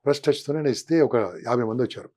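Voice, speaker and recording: Rich: An older man talks quickly, piling up lists and acting out short quotes. His pitch sits in the middle, and he tells his story as an interview guest. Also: dark tone. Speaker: interview guest, motivational speaker. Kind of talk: casual interview talk.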